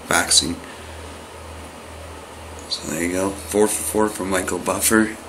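Slow, low-pitched man, noisy handheld recording. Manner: low-key, halting delivery in short phrases. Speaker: autograph collector and vlogger. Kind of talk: casual unboxing narration. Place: indoors in a home room. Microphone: handheld phone or camera. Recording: noisy handheld camera, steady room hum.

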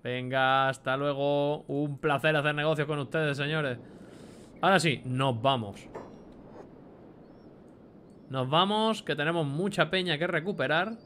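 A man's voice: fairly high pitch, fairly even intonation, measured pace, pauses often, a bit bright, a little hiss or hum. Chatty Spanish man narrating gameplay. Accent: Spain Spanish. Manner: chatty, swears casually, reads item names aloud. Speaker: gameplay commentator. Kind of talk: let's play commentary.

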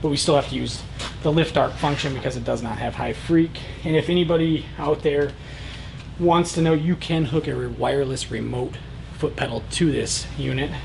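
Gravelly-voiced man demoing welding gear. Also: fairly high pitch, moderate pace, a little hiss or hum. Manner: relaxed, plain-spoken, many "uh" and "um" fillers. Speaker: welding supply product reviewer. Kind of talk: casual product demonstration.

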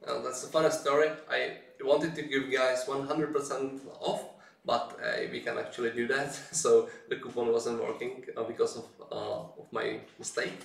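A man's voice: mid-range voice, little pitch movement, moderate pace, creaky. A man co-hosting a live stream in easygoing casual chat, laughing often, his voice carrying a heavy echo as in a canyon. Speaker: co-host of a software live stream. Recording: echoey room, distant from the mic.

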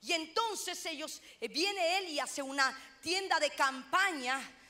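A middle-aged woman pastor from Honduras, preaching a sermon in a loud, animated way with self-mocking humor. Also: high voice, slow.

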